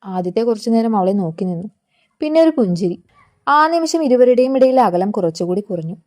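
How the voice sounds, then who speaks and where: A woman narrating a scripted family drama in a steady, measured read-aloud manner. Her voice sits high with a soft, mellow tone, never sharp.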